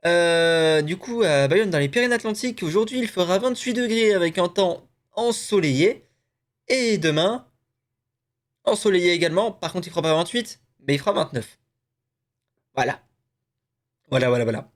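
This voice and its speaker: A young man with a slightly high voice hosts a live stream in a loose, rambling way. He grew up in the French Basque Country, jokes with his co-host and swears freely while guessing words. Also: animated, moderate pace. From Basque Country, France. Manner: chatty, swears, talks to co-host while playing. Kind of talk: casual live-stream chat.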